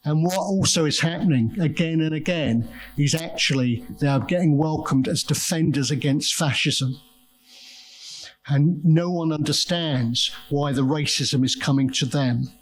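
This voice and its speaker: Man, conference speaker, storyteller, slightly higher voice, talks in spoken story form. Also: unhurried, rough recording. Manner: storytelling, with quoted voices and restarts. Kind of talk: academic talk.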